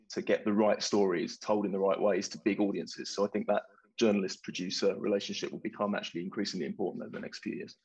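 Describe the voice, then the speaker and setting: A man talks fast on a festival panel in a low, gravelly, husky voice. He is measured but stammers at the start of sentences. The sound is muffled and lo-fi. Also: a little mellow. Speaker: production company executive, panelist. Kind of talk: panel discussion.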